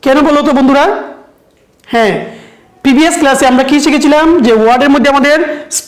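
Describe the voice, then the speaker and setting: A woman teaches an English class, chanting rhyme lines in a slow, drawn-out way. Her voice sits high, and the recording rings with room echo. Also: fairly even intonation. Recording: echoey room.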